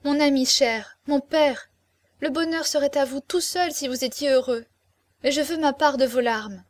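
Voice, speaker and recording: An imploring young woman, tender and close to tears, as a woman reader puts her on, her voice lifting higher as she pleads. The reading is dry and close, with no room around it, in the manner of a storybook told aloud. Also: normal speed, a little mellow, no room sound, close to an everyday voice. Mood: pleading. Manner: emotional, imploring, tearful. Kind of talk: audiobook character reading.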